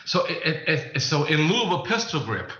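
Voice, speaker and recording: A man explaining conversationally as an expert guest, halting and careful in his formal phrasing. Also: a little high, sing-song, sharp tone. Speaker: guest firearms expert and private investigator. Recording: roomy, dull lo-fi sound.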